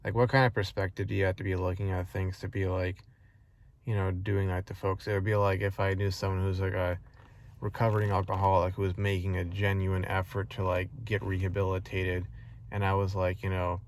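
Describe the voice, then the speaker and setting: A man's voice: sits low, flat delivery, a little fast. A man talking in a casual vlog monologue, rambling with many fillers and restarts, earnest and frustrated. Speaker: vlogger.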